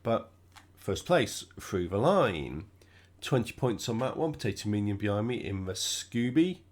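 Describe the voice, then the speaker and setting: Unhurried and relaxed, a UK gaming host chats through a racing game, his slightly low voice croaky and blocked up from a cold. He keeps thinking out loud as he drives, giving casual gameplay commentary.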